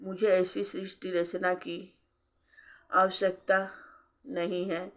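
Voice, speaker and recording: A woman's voice: on the low side, little pitch movement, slow. A woman voicing a solemn male creator god who gives grave commands. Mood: weary. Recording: dull lo-fi recording.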